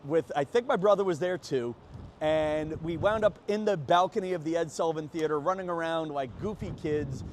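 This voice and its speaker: A man's voice: a little high, a little hiss or hum. A man who is a comedian and host, talking in a casual, joking vlog monologue into a small remote microphone. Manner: joking, conversational. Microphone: small remote microphone with a phone.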